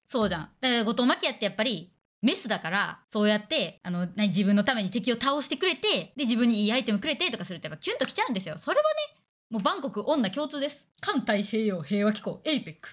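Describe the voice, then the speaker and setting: A young woman streamer with a Kansai accent rattles through a casual chat at high speed. Her voice sits slightly high and swings widely in pitch. She talks bluntly and crudely. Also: sing-song, fairly bright tone. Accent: Kansai Japanese. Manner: blunt, crude, fast banter with acted-out quotes.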